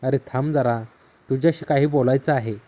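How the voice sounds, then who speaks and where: A man's voice: mid-range voice, steady tone, normal speed, mellow, close to an everyday voice. A man voicing a teasing neighbor aunt, lo-fi. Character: middle-aged neighbor aunt, teasing and lonely. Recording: slightly dull lo-fi audio.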